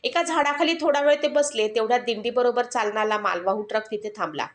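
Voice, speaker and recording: A woman narrating a devotional story in a measured, earnest scripted reading. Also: a little high, reverberant.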